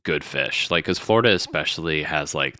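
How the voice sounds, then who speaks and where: A man's voice: a bass voice, fairly quick, bright, forceful tone, dry recording. A man co-hosting a podcast in casual chat, joking and laughing often as he rambles. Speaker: podcast co-host.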